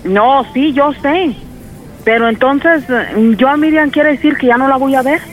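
A woman's voice: high-pitched, a little slow, highs cut off. A middle-aged woman on the phone, worried and reproachful, crying about her daughter. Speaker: prank call victim, mother. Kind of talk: phone call.

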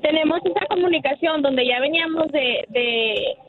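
A woman's voice: high voice, a crowd in the background. Hesitant woman caller on a phone line. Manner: hesitant, halting, with restarts. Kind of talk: phone call on a radio show.

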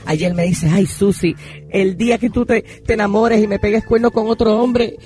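A man voicing a brassy, gossipy radio hostess who talks high and theatrical, throwing out exclamations between stories. Music plays clearly behind her. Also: fairly even intonation, moderate pace, warm tone, lightly acted. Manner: chatty, theatrical, exclaims often. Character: brassy gossiping woman advice-segment hostess. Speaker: advice segment host character. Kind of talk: comedy radio sketch.

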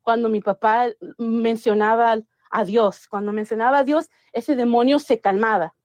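Woman, higher pitch, dry recording, chatty storytelling, many restarts. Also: fairly even intonation, normal speed, darkish tone, no echo. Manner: mixes English words into Spanish, many restarts. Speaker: guest. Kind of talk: casual storytelling interview.

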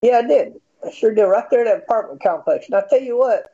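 A man in his fifties with an American accent and a high-pitched voice, arguing bluntly and swearing in a heated casual debate. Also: animated, fast talker, muffled recording, crowd noise. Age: 50s. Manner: argumentative, blunt, profane.

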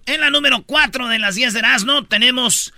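A male radio host with a Mexican accent, running a jokey news roundup in an animated way. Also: very high-pitched, a little fast, gravelly, no room sound, studio quality. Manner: animated and jokey, calling out "señores".

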